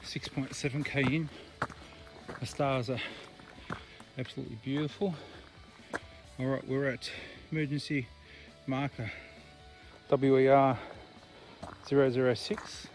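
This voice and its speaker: Out of breath on a nighttime bush trail, the Australian man in his thirties keeps chatting to his camera, held at arm's length. His medium-pitched, slightly mellow voice stays steady at a measured pace with long pauses, and faint music sits behind.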